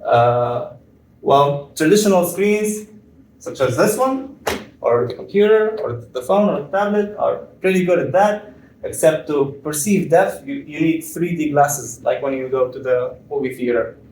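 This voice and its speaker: A young man from Tunisia giving a conference presentation, explaining step by step with frequent pauses and fillers. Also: a little high, a little mellow, slight background noise. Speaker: PhD student presenter. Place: conference room. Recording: echoey room, far from mic.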